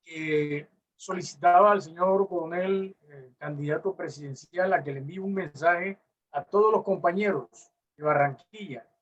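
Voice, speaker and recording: A man's voice: fairly high pitch, normal speed. A man making a formal request at an online meeting, hesitant and full of fillers, speaking over a video call. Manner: hesitant, lots of "eh, digamos". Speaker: meeting participant. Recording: distant, muffled call audio.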